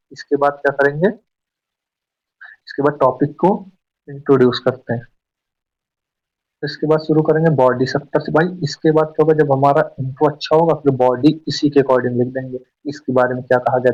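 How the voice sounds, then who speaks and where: A man teaching an exam-prep lesson in a fast, chatty way, often asking and answering his own questions. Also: medium pitch. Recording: dull, slightly distant mic.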